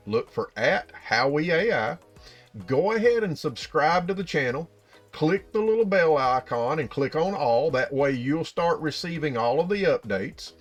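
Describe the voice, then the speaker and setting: Man with an Appalachian hillbilly accent, music behind. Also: fairly high pitch. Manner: folksy, addresses viewers directly. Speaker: YouTube channel host. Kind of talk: casual explainer talk to viewers.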